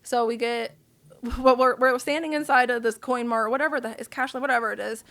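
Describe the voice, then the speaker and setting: A woman sits in as a podcast guest and tells her story in a loose, blunt, profane way. Her voice sits a bit higher than most women's. She talks casually, as if to a friend across the table. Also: fairly quick. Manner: candid, profane, animated storyteller.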